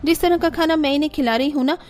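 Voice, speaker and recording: A woman's voice: high voice, fast talker, darkish tone, faint music behind, natural voice. A woman voicing a young daughter-in-law who complains about cooking alone in a cartoon story. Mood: grumbling.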